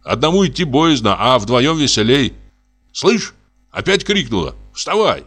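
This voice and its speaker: A man doing a gruff, impatient hunter. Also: medium pitch, very animated, a little slow, fairly bright tone, soft background music, pitched above the performer's own voice, full character voice. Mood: urging impatiently. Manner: brusque, commanding. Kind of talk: audiobook reading.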